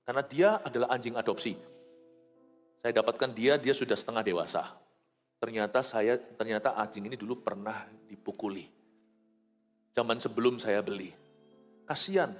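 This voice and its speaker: A man preaching a sermon as a pastor, animated and swinging between loud emphasis and quiet asides. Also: medium pitch, moderate pace, pauses often, in a large hall, soft background music.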